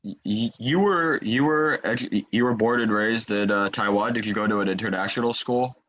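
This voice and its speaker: A young man from the United States, a guest on a video call interview, speaking haltingly and repeating words as he thinks. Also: lowish voice, fairly bright tone. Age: teens to young adult. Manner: halting, repeats words before finishing thoughts. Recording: dry dull lo-fi call audio.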